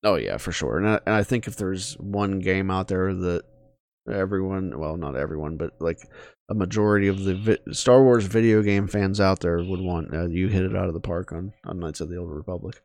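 A man's voice: low-pitched, normal speed, a little mellow, dry recording. A man co-hosting a podcast, chatting casually with lots of fillers and restarts. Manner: rambling, many fillers and restarts. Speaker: podcast co-host. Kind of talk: casual chat.

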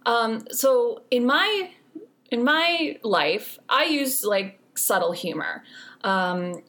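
A woman's voice: on the high side, lively intonation, takes it slowly, fairly bright tone. A woman in her forties hosting a podcast, giving casual advice in a chatty way with dry humor and lots of fillers. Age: 40s. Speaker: podcast host.

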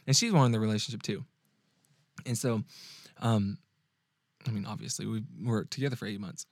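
Lively man telling a personal story. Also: fairly low pitch, fairly quick, gravelly, no echo, clean studio sound. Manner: animated, laughs often, frequent restarts and check-ins with the listener. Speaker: podcast host and dating coach.

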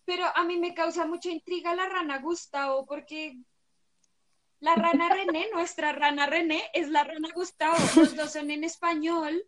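A woman, co-hosting a casual chat and asking lively, curious questions. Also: very high-pitched, moderate pace.

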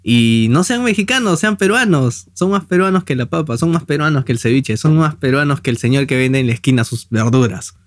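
A young man with a Peruvian Spanish accent co-hosts a relaxed chat. He is opinionated and often restarts his phrases. His voice sits at a middle pitch and is recorded dry and close. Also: fairly quick, few pauses, no room sound. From Peru. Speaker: podcast co-host. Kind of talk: casual chat.

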